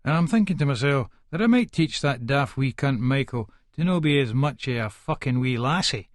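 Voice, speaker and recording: An actor with an expressive, medium-pitched voice narrates a dramatic first-person audiobook at a moderate pace, lightly acted and recorded dry in a clean studio. He plays a short-tempered, foul-mouthed Scottish hard man, speaking aggressively and colloquially in an Edinburgh accent, irritable and scornful.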